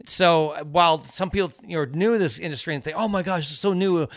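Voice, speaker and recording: A man's voice: fairly high pitch, fast, no room sound, studio quality. A man co-hosting a business podcast, talking in a rambling, upbeat, conversational way. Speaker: podcast co-host. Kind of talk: casual business podcast chat.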